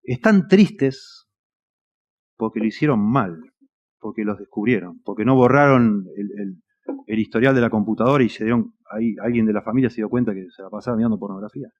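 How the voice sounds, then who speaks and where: A man's voice: on the low side, fast talker, highs cut off. A man with a Rioplatense Spanish accent preaching a sermon as a pastor, earnest and at times emphatic. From Argentina. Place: church.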